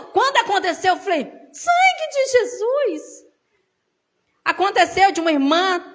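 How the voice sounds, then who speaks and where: A woman's voice: high voice, fairly bright tone. A woman with a Brazilian accent preaching an informal church sermon, chatting with the congregation and telling personal stories. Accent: Brazilian Portuguese. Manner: conversational, tells personal stories, addresses the congregation as brothers.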